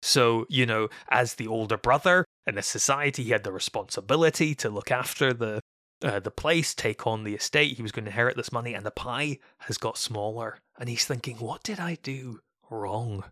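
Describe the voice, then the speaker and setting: A man's voice: medium pitch, fairly quick, sharp tone, no echo, clean studio sound. A man co-hosting a podcast, explaining a Bible story in a reflective, casual way. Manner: reflective, explanatory, acts out quoted voices. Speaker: podcast co-host.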